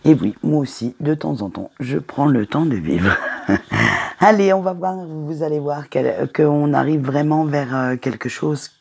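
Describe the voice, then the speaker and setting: A woman giving a weekly oracle card reading to her viewers, talking in a gentle, encouraging way with hesitant fillers. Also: sits low, animated, measured pace, gravelly, slightly rough. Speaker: tarot card reader.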